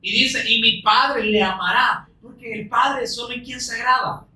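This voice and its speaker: A man preaching a sermon earnestly, asking many rhetorical questions and quoting scripture slowly and with emphasis. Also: extremely high pitch, fairly even intonation, bright, forceful tone. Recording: roomy echo, distant mic.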